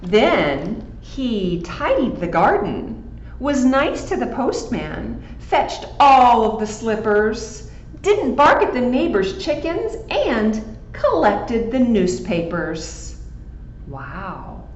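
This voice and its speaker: A woman librarian reading a picture book aloud to children, animated and asking them questions along the way. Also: on the high side, slow pace. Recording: echoey, dull, faint background hiss.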